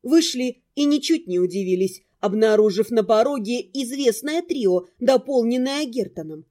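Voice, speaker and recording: A woman calmly narrating a first-person fantasy audiobook. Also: fairly high pitch, moderate pace.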